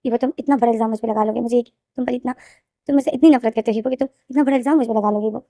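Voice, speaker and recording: A woman's voice: on the high side, steady tone, racing, dark tone, no room sound, clean studio sound, lightly acted. A woman voicing a scheming stepmother who reproaches her stepson, pretending to be hurt. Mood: reproachful.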